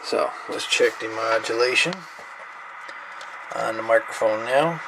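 This man's voice sits lowish, moves a little slowly, and has a creaky quality. He's an electronics hobbyist demonstrating a DIY radio project in a casual, unscripted, rambling hands-on tutorial at an indoor workbench. A noisy camera microphone picks him up.

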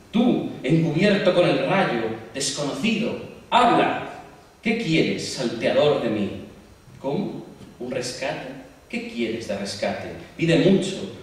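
A man reciting a poem in the voice of an anguished mythic woman lamenting a cruel god, shifting hushed lines to loud cries. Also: mid-range voice. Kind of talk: dramatic poetry recitation. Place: large university hall. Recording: echoey hall, distant mic, faint hiss.

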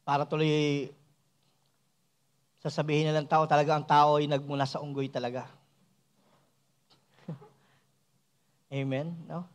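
A man with a high-pitched voice preaches a sermon as a church elder. He keeps tagging his points with rhetorical asides to the congregation. He shifts between soft asides and raised, emphatic preaching. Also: level tone, unhurried, long pauses, clean tone. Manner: frequent rhetorical "no?" and "mga kapatid ko" asides.

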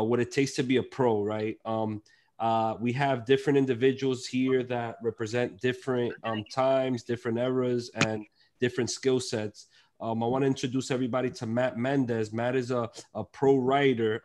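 Halting man moderating a video call panel. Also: mid-range voice, a little mellow. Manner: loose, halting, many fillers and restarts. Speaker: host and moderator. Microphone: headset.

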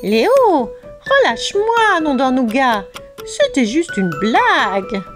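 A woman voicing a mischievous, greedy female candy witch in a storybook reading, with theatrical swings from low mockery to shrill cries. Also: sing-song, measured pace, over music. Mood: panicked.

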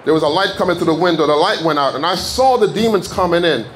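A high-pitched man from Jamaica delivers a sermon testimony in a church sanctuary. His telling is fervent and climbs into shouted proclamations, with a faint hiss of noise underneath. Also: quick pace. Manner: fervent, building to shouted declarations. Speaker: guest preacher.

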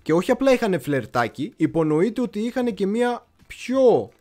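A man's voice: high-pitched, sing-song, warm tone, soft background music. Chatty man hosting a history livestream. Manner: chatty, digressive, often pauses to search for words. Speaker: history channel host. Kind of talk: casual livestream commentary.

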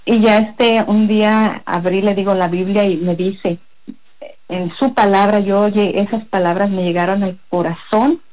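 Woman giving a halting faith testimony. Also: medium pitch, fairly even intonation, a little mellow, highs cut off. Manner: halting, rambling storytelling with many fillers. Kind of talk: personal religious testimony.

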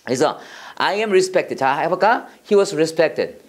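An English prayer instructor giving a classroom lecture, drilling phrases call-and-response style, urging the class to go faster, and breaking in with joking asides. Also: medium pitch, a crowd in the background. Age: adult, past seminary studies. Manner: energetic, coaxing, repeats drill phrases and urges speed; jokey asides and chuckles between drills.

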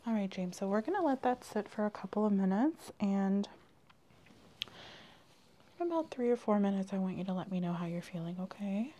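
Woman, ASMR dentist roleplay, gentle reassuring whisper, mellow tone. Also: mid-range voice, lively intonation, a little fast, lo-fi sound. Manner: gentle, soft-spoken, reassuring.

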